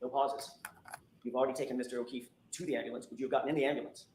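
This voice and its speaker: Fast-talking male attorney, echoey courtroom recording. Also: mid-range voice, fairly even intonation, darkish tone, slight background noise. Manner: pointed, insistent questioning. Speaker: defense attorney. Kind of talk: courtroom cross-examination.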